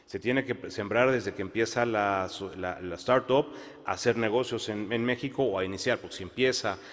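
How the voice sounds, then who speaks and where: Panelist, male, lowish voice, halting with restarts, echoing hall. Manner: measured, many fillers and restarts. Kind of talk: panel discussion. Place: conference hall. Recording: long hall reverb.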